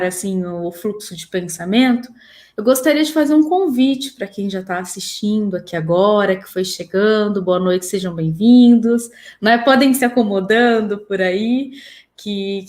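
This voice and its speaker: A woman's voice: mid-range voice, a little slow, a little mellow. A woman hosting a live panel, speaking semi-spontaneously. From São José do Rio Preto, Brazil. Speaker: live-stream host.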